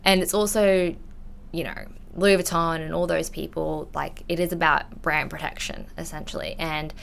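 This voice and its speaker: An intellectual property investigator in her twenties, Australian-accented, chats frankly and informally as a podcast guest in a conversational interview. She has a low, gravelly, fairly bright voice with a level tone and moderate pace, and slight background noise is audible.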